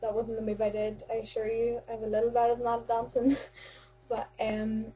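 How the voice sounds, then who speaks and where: In this casual vlog, a young Irish woman in her teens talks to a webcam about amateur theatre, wandering off topic and frequently restarting or using fillers. She speaks a little fast in a fairly high, monotone but warm voice with a breathy edge, and the recording sounds muffled.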